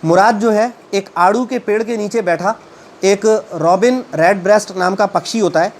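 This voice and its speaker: A man teaches a story by reading English lines slowly, then retelling and explaining them haltingly with plenty of fillers. His voice sits high, and there's slight background noise.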